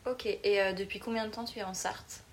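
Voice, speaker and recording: Female interviewer, mid-pitched, conversational, with faint ambient noise behind. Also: steady tone, brisk. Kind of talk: casual interview questions.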